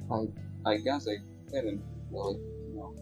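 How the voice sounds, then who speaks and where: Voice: mid-range voice, unhurried, music in the background, lightly acted. A player voicing a regretful retired male celebrity who stammers and hesitates. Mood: hesitant regret.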